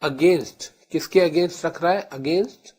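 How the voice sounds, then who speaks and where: Indian man teaching, slow repeated key terms. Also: fairly high pitch, darkish tone, husky. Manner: addresses students as children, repeats key terms slowly. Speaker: law teacher. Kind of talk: classroom lecture in Hindi-English mix.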